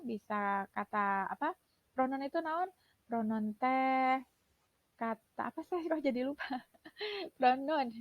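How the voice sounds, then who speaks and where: A woman's voice: fairly high pitch, vocal fry, dry recording. A woman English teacher, giving a recorded online class lecture in a chatty way, mixing in English words. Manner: chatty, mixes English into Indonesian, laughs at own slips. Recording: dull, dry lo-fi recording.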